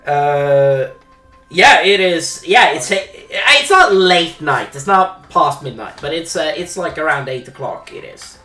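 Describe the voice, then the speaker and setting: Bright-voiced man running a tabletop game. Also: on the high side, animated, slow pace. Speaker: game master. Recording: roomy, echoey microphone with faint music.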